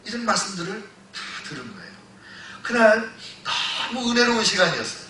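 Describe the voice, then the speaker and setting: A man as a storytelling pastor with a sharp, ringing, fairly high voice, heard from back in a very echoey church hall. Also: sing-song, brisk, far from the mic, a little hiss or hum. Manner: storytelling, swings from loud exclamations to hushed retelling. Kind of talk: sermon.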